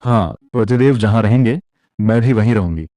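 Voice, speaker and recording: A man voicing a shy, naive female ghost bride who talks softly and sweetly. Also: fairly low pitch, normal speed, dry recording, lightly acted. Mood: sweet, innocent.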